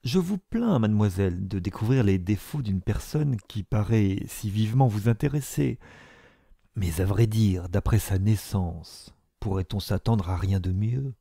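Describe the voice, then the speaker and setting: A man's voice: on the low side, animated, unhurried, creaky, dark tone, no room sound, studio quality, exaggerated voice. A man voicing a haughty, scornful young society lady who speaks with polite disdain. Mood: mocking.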